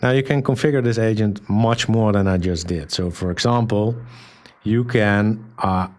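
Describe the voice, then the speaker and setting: A man presenting a software tutorial in a relaxed, hesitant way, with many ums and restarts, reading aloud what he types. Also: lowish voice, moderate pace. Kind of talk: screen-recorded software tutorial.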